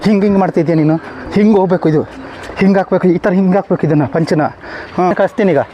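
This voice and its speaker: A high-pitched male coach drills a children's boxing class outdoors, counting out reps and snapping short orders. He praises and scolds the kids in the same blunt, clipped way. Steady outdoor noise sits behind his voice. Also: very fast, highs cut off. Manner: barks commands and counts reps. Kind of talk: live training class. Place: outdoor training ground. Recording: noisy outdoor recording.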